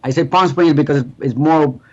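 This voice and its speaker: A man's voice: a little high, moderate pace. Guatemalan-born man on dull remote audio. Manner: relaxed, conversational, many "you know" fillers. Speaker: guest. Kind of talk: interview answers.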